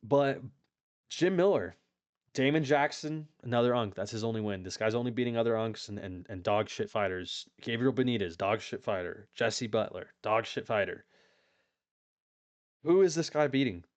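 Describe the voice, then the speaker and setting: A man's voice: fairly low pitch, lively intonation, moderate pace, dry recording. Rambling, profane male MMA commentator. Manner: rambling, profane, frequent restarts. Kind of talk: casual opinionated commentary.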